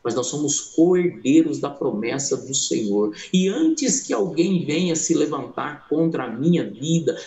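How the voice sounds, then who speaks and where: A man's voice: mid-range voice, a little mellow, echoey room. A man preaching a testimony sermon in a church, telling his story dramatically and acting out the people in it while addressing the listeners as brothers.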